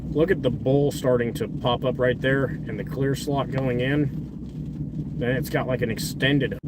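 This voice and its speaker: A man's voice: mid-range voice, fairly even intonation, measured pace. A man giving casual, unscripted live stream commentary as a storm chaser, informal and exclamatory, outdoors in windy weather. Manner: informal, exclamatory, mild swearing. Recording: loud wind and vehicle noise.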